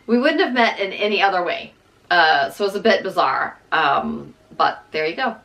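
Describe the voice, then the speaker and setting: This American-born vlogger, middle-aged, talks to camera in a casual, self-mocking way, full of ums, her American accent tinged with Scottish. The voice sits lowish and gravelly yet fairly bright, expressive, at a moderate pace.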